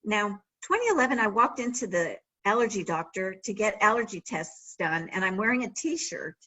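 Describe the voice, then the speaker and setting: A middle-aged woman spins a story for a library audience, her voice a little husky and breathy. She talks conversationally, circling back and restarting phrases as she goes, at an ordinary mid-range pitch. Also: animated, moderate pace, pushed and bright, poor audio. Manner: anecdotal, conversational, with frequent restarts. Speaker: author and former sportswriter giving a library talk. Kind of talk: storytelling talk.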